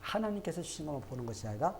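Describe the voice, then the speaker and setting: A man's voice: on the high side, big pitch swings, racing, vocal fry, a little mellow, a little hiss or hum. A man preaching a sermon as pastor, emphatic and conversational, often speaking directly to the congregation.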